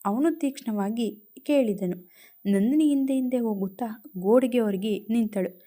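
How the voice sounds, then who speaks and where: A woman reading a romantic audio story aloud in calm, dramatic narration, as the channel's storyteller. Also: on the high side, moderate pace.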